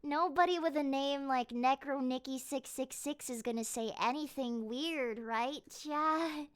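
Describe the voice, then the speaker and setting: A woman with a distinctly high-pitched voice, talking as a live streamer. She keeps up a casual, playful running commentary, reacting to what she watches and speaking straight to her chat. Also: unhurried. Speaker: live streamer, VTuber and voice actor.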